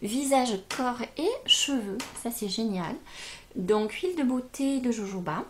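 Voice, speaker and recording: Slight background noise sits behind this beauty vlogger's voice, which is on the high side with lively intonation. She chats casually while unboxing beauty gifts, gushing with slow, drawn-out exclamations.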